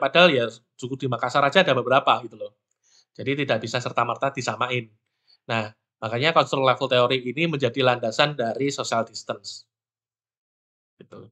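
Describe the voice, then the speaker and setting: A man's voice: medium pitch, bright, forceful tone. Chatty man giving a casual lecture. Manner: chatty, frequent fillers and restarts.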